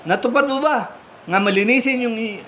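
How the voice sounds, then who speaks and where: A man's voice: extremely high pitch, fairly bright tone. A man playing a stern, fair vineyard owner. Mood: firm. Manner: questioning, firm and deliberate. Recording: slightly muffled, faint background hum.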